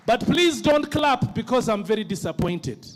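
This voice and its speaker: A man from Uganda co-hosting an awards ceremony, teasing and rousing the crowd in a playful, energetic way. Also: very high voice, normal speed, a little hiss or hum. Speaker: event co-host.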